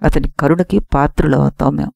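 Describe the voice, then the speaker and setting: A woman voicing an angry elder nobleman who scolds a tyrant king in a forceful manner, in an audiobook story. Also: deep voice, steady tone, fairly quick, gravelly, no room sound, studio quality, exaggerated voice. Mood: lamenting.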